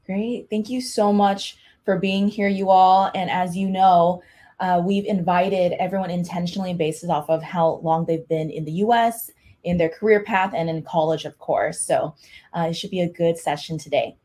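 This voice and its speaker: A woman's voice: lowish voice, fairly even intonation, normal speed, warm tone. A woman from California hosting an online advice panel, talking in an upbeat, friendly presenter manner. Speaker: host, college and career advisor. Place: home room with shelves. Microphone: webcam video call.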